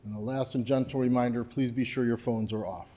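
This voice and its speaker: A man with a soft-edged, mellow voice opens a funeral service with formal announcements. His delivery is polite, measured and very level, with little rise or fall. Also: mid-range voice, steady tone.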